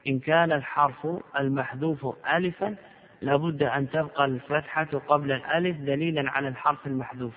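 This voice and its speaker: A man teaching a grammar class as a sheikh, speaking deliberately and asking questions that he then answers himself. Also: fairly high pitch, fairly even intonation. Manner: deliberate, poses and answers his own questions. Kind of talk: classroom lecture. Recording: lo-fi recording with long hall reverb.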